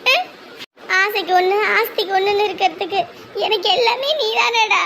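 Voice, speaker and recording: A woman's voice: very high voice, normal speed, background noise. A woman voicing a thrifty village mother who laments and scolds in broad rural speech. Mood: pleading.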